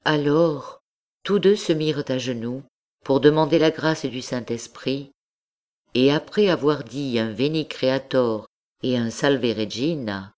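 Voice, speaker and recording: Une femme lisant à voix haute un récit historique en livre audio, d'un ton calme et posé. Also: female voice, extremely low pitch. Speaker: audiobook reader. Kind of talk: literary audiobook narration.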